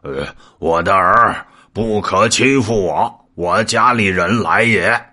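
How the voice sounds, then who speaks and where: A man's voice: on the low side, slow pace, pushed and bright, full character voice. A man voicing a clumsy, greedy pig-monk who whines and boasts in a told story. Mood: whiny. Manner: complaining, blustering.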